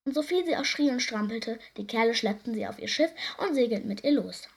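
A woman reads a children's story aloud with an expressive, lively delivery. Her voice sits fairly high and she shapes each sentence for young listeners. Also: a little fast, husky.

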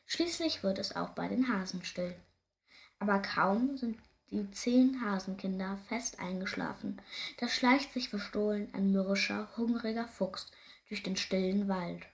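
A woman reading a children's story aloud in a gentle, expressive way. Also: medium pitch, unhurried, gravelly.

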